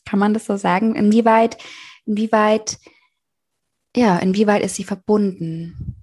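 Husky-voiced woman hosting an interview. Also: mid-range voice, fairly even intonation, moderate pace, darkish tone. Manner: hesitant, many fillers, searching for words. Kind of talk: conversational podcast interview.

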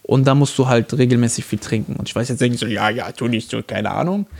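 A man co-hosting a casual debate chat, joking and animated, often talking over his partner. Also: medium pitch, fast, gravelly. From Palestinian roots. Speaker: co-host, comedian.

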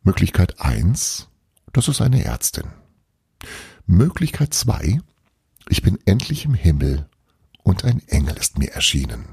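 Husky, gravelly low-voiced man reading. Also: sing-song, a little slow, pauses often, dry recording, studio quality. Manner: hushed, often half-whispered reading. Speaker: audiobook reader. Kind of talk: first-person literary reading.

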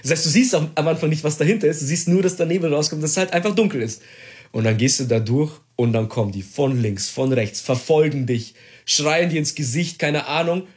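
A young man in casual chat, telling a story with excitement, slang and swearing. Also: on the high side, fairly quick.

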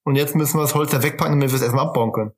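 A man's voice: mid-range voice, very fast, slight background noise. A man with a German accent co-hosting a podcast, talking in blunt, mock-grumbling, colloquial banter. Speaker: podcast co-host. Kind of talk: casual joking podcast banter.

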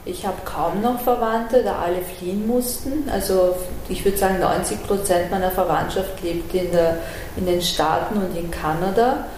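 This interview guest, a middle-aged Iranian-born artist and activist who grew up in Vienna, has a lowish, slightly mellow voice and a moderate pace. She reflects candidly in long run-on sentences during a conversational interview, and the recording carries a roomy echo with faint ambient noise.

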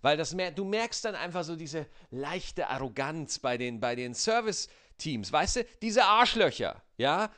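A man ranting casually to his listeners, swearing and tagging his sentences with quick asides. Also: a little high. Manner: crude, swearing, animated ranting with many "ne?" and "ja?" tags. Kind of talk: casual comedic rant.

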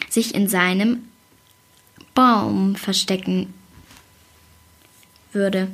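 A woman reads a fairy tale aloud at a calm, even pace. Her voice sits at an ordinary middle pitch for a woman, and she keeps the storytelling steady.

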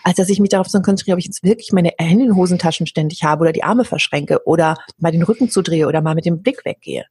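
A woman with a strongly husky, breathy voice that sits a little low for her. She speaks as a coach being interviewed, lively and blunt, slipping into quick acted-out remarks. The sound is close and dry. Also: no echo. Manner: animated, acts out other people's remarks; frank, casual wording. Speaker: communication and rhetoric coach. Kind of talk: interview conversation.

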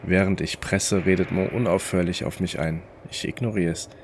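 A man narrating a first-person story in a calm, low-key inner-monologue manner. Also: moderate pace, a little hiss or hum.

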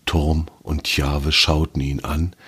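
A man reading a children's story aloud in a calm, even storytelling manner. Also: extremely low pitch, slow pace, husky.

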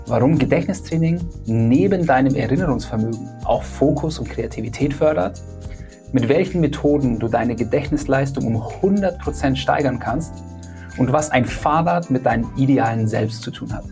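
A man with a medium-pitched, dark-toned voice hosts his own podcast, putting friendly, upbeat questions to his guests. He is the show's host and also an app founder, conducting podcast interviews.

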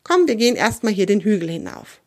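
A woman's voice: mid-range voice, very animated, fairly quick, a little mellow. A woman voicing a small, brave, cheerful male creature in a children's storybook. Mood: eager.

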